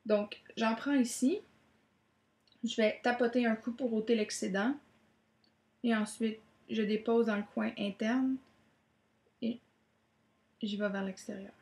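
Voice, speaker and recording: A woman's voice: on the high side, steady tone, measured pace, pauses often, a little mellow, echoey room. Chatty young woman. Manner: chatty, many "donc, euh" fillers. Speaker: beauty vlogger. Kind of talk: makeup tutorial.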